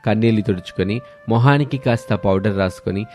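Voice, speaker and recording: A man narrating a cartoon story in steady, scripted storytelling. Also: on the low side, brisk, faint music behind.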